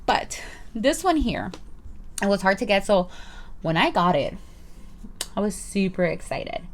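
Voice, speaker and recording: A woman's voice: mid-range voice, big pitch swings, unhurried. A woman in her thirties reviewing her purchases in a casual, chatty vlog, rambling with playful asides. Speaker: vlogger.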